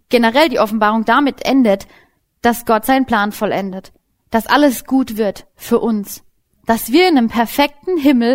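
A young woman giving an informal sermon as a Bible teacher, lively and casual, speaking directly to her listeners. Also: a little high.

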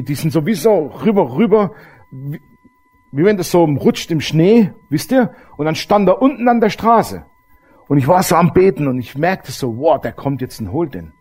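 A man's voice: a little high, a little mellow, husky. A middle-aged man, preaching a testimony sermon and telling his story straight to the congregation. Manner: storytelling, addresses the audience directly.

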